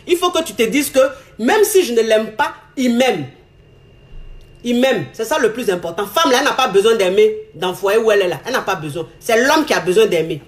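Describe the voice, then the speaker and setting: A woman giving an emphatic, scolding advice monologue to other women, repeating herself and firing off rhetorical questions. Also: a little high.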